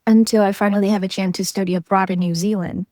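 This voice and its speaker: A young Vietnamese woman, a journalist and researcher appearing as an interview guest, tells her story in English with a Vietnamese accent, earnest and reflective, often adding "like." Her mid-range voice is steady and mellow, and she speaks fast. The studio recording is clean with no echo.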